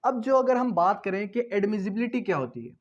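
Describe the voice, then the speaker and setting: A man with a Pakistani accent lectures on law in a high voice with big pitch swings, talking a little fast. His didactic, repetitive style has him answering his own questions while mixing Hindi-Urdu and English legal terms. The audio sounds dull.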